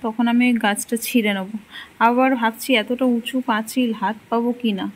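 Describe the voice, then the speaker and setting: A woman's voice: on the high side, fairly even intonation, a little fast, low-quality recording. A young woman casually chatting to her viewers in a home vlog, filmed on a phone at home. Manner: chatty, addresses viewers directly; speaks very softly while her child sleeps. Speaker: vlogger. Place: small home kitchen and rooms.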